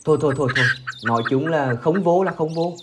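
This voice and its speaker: A man playing a stubborn, proud poor village husband who talks gruffly and dismissively and is quick to shout. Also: fairly high pitch, noisy background, close to an everyday voice. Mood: angry. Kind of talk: amateur village skit acting.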